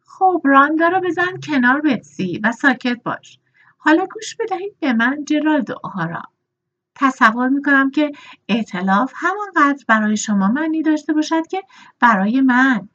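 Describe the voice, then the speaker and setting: A woman's voice: high-pitched, lively intonation, a bit bright, highs cut off, voice pushed up. A woman voicing a frank, opinionated older lady horse breeder who lectures those around her. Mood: scolding.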